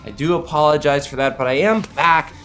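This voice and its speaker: Brisk, a little high, and a bit bright, the American series host from Ohio chats loosely about the game on his YouTube channel. He sounds slightly sniffly as he recovers from the flu.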